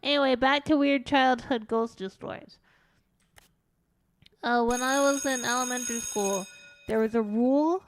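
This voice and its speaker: Slow-talking chatty woman streamer. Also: a little high, steady tone, no echo. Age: adult. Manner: rambling, chatty, swears casually. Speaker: VTuber streamer. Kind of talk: casual storytelling while playing a game.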